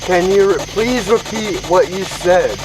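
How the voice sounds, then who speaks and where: A man's voice: sits high, unhurried. Man talking to a ghost, crickets behind. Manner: talking to a ghost, asking spirits to respond. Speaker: ghost hunter. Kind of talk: paranormal investigation vlog. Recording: noisy outdoor recording with chirping crickets.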